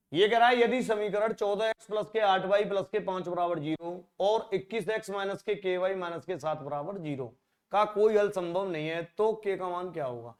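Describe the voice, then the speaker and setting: A man teaching exam-prep maths in a conversational way, asking rhetorical questions and dropping to a low mutter while he works through sums. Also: normal speed.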